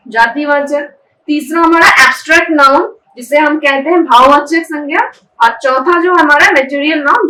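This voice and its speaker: A woman teaching a spoken English lesson, her high, bright voice spelling each word letter by letter and splitting it into syllables. She keeps checking in with her students. The echoey room and the distance from the mic give it a hollow sound, with faint ambience behind her. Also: a little hiss or hum. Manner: spells words letter by letter, breaking them into syllables. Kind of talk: classroom lesson in Hindi with spelled-out English words.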